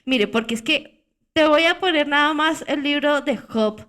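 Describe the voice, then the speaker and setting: Woman co-host interjecting, higher voice. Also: normal speed, a bit bright. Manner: interjecting, quotes scripture. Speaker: podcast co-host.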